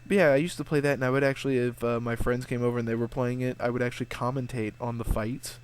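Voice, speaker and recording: Fielding questions from his audience, this young host of a game walkthrough channel rambles casually, swears a lot and keeps restarting what he says. His middle-pitched voice sounds a little congested, like a cold with a sore throat, while his delivery stays steady, fast and smooth.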